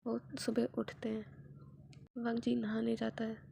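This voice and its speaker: A woman reading a fanfiction story aloud, voicing the characters herself, sliding from hushed whispers to loud, emotional outbursts. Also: on the high side, completely flat delivery, a little slow, gravelly, slight background noise. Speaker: fanfiction narrator. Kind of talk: dramatic story reading with voiced dialogue.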